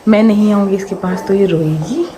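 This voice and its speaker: A young woman, a mother, vlogging casually around her home, chatting and venting, and slipping into high sing-song baby talk with her daughter. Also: a little fast, noisy background. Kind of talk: casual daily vlog.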